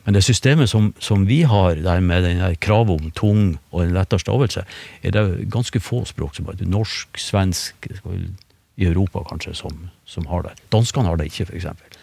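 A low-voiced man talks through speech sounds in an unhurried, explanatory way, often pausing on fillers and restarting phrases. The studio sound is close and dry. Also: creaky, dry recording. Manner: relaxed, hesitant, many fillers and restarts. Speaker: phonetics expert. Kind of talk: explanatory radio conversation. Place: radio studio.

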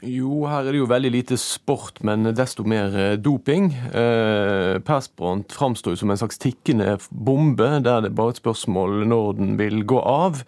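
A man's voice: fairly low pitch, few pauses, a little mellow, no echo, clean studio sound. A man giving a spontaneous book review in a radio interview, with wry, figurative phrasing.

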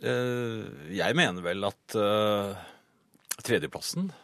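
A man's voice: lowish voice, animated, fairly bright tone, no echo. A middle-aged man reading listener messages on radio in casual chat, hesitant with many filler sounds.

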